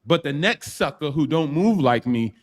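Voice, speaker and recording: A man's voice: a little high, lively intonation, normal speed. A male host of a live talk show arguing his point emphatically and repeating himself to drive it home. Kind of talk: argumentative live-show discussion.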